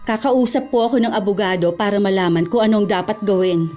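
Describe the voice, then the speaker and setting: A woman playing a young daughter who is hurt by her mother but stays polite and soft-spoken with her elders. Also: medium pitch, brisk, faint music behind, natural voice. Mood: sad. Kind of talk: Tagalog audio drama acting.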